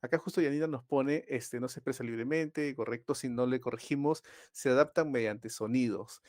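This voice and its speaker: A man's voice: mid-range voice, a little mellow, dry recording, studio quality. Give me a man teaching a live online class, talking casually and checking in with his students. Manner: conversational, often pauses with fillers and checks in with students.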